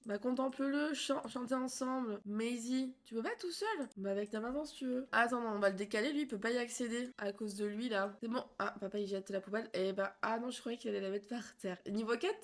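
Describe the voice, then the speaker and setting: A woman giving chatty, casual commentary on her life-simulation game, talking to her characters and reacting with frequent exclamations. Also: fairly high pitch. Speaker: let's play host.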